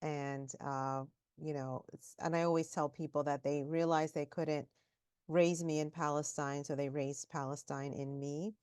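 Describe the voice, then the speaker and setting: Woman, 40s, low and even, dry close recording, deliberate. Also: clear, resonant tone, no echo. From United States. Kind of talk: reflective personal account.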